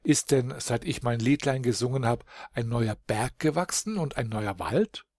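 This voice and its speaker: A man voicing a cheerful, fearless young boy goatherd in a fairy-tale audiobook, with a lively, good-natured manner. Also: medium pitch, normal speed, no echo, studio quality. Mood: amazed.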